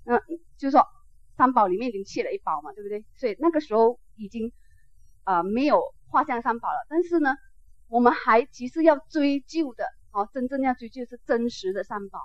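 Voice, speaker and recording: A woman with a slightly high, expressive voice teaches a class on Buddhism, speaking a little fast and conversationally with lots of filler sounds. She keeps checking that her listeners understand. The recording is dull, dry, lo-fi, with no room sound.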